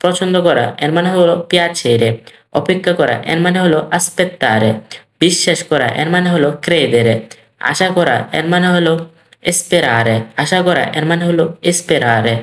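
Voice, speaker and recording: A language teacher giving a lesson, slowly repeating each word and stretching out the practice phrases. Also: mid-range voice. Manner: slow and repetitive, drilling each word twice. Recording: roomy echoey room.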